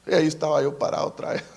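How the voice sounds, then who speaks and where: Male preacher, high voice, halting sermon storytelling. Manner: storytelling with many repetitions and restarts. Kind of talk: sermon testimony.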